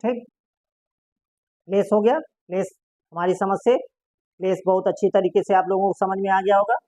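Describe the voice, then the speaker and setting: A woman's voice: medium pitch, fairly even intonation, moderate pace, dark tone, dry recording. A woman teaching a shorthand lesson, asking her class questions and answering them herself.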